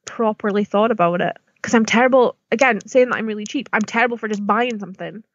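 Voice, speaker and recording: A woman's voice: medium pitch, fast, dull audio. A British woman in casual podcast chat, informal, teasing and self-deprecating.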